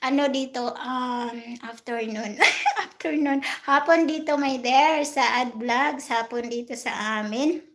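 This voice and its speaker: Brief: young woman, high voice, unhurried livestream host, chatty and giggly. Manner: chatty, thanks viewers one by one, giggles often. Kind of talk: casual livestream chat reading viewer comments.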